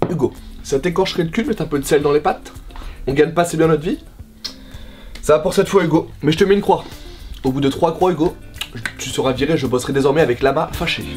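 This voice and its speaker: A man's voice: a little high, fast talker, darkish tone, faint music behind. Joking man hosting a food vlog. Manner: joking, teasing his cameraman. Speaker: food vlogger host. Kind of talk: casual vlog chat.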